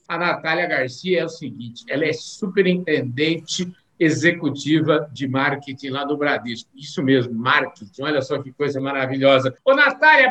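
Enthusiastic male podcast host, high and bright, sing-song delivery. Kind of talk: upbeat interview hosting.

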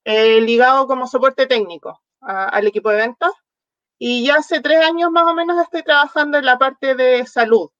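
Speaking at a moderate pace, this high-pitched, slightly bright voice belongs to a veterinarian product manager from southern Chile with a Chilean Spanish accent. As an online interview guest, she explains things warmly and uses lots of fillers. The audio has no room sound but is muffled.

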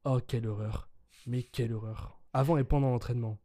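Mellow young man chatting casually. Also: medium pitch, fairly even intonation, brisk, no echo, studio quality. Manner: informal, self-correcting explainer. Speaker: podcast co-host. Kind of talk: casual chat.

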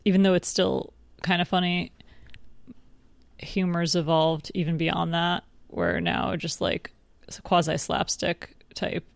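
A woman's voice: on the low side, level tone, takes it slowly, vocal fry, no room sound. A woman co-hosting a podcast, rambling and playful in casual chat. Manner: rambling, playful, laughs easily. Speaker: podcast co-host.

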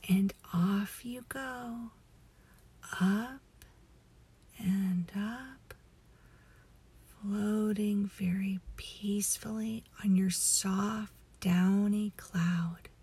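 A woman leading a guided relaxation meditation as a story, in a soothing, hushed, breathy voice that often nears a whisper. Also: medium pitch, fairly even intonation. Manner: slow, soothing, hushed delivery.

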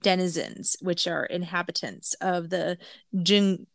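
A woman's voice: fairly low pitch, little pitch movement, measured pace, vocal fry, no room sound, studio quality. A woman co-hosting a podcast in a casual, playful and informal way. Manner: giggly, playful. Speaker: podcast co-host. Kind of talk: casual chat with some reading from notes.

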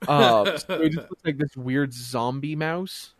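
Male chatter, deadpan and dry, close dry recording. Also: on the high side, unhurried, no echo. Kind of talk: casual chat.

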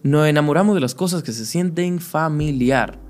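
A man, co-hosting a podcast in casual chat and acting out quoted voices as he talks. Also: a little high. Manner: fast, animated, acts out quoted voices. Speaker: podcast co-host.

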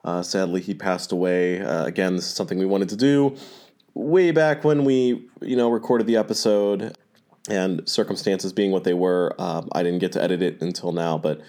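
Low-voiced man on a poor-quality recording. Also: fairly even intonation, a little mellow. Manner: hesitant, many filler pauses. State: recovering from illness. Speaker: podcast host. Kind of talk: casual spoken announcement.

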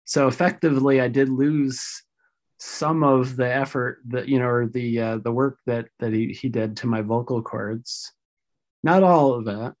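Slow, thoughtful woman with a slightly rough voice. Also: extremely low pitch, a little mellow. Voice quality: slightly rough voice after vocal surgery. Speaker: interview guest. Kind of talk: casual conversational interview.

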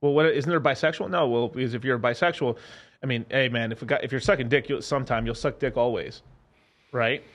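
Fast-talking young man in casual chat. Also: medium pitch. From Mexican-American family, United States. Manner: fast, animated, swearing, frequent restarts. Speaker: podcast guest.

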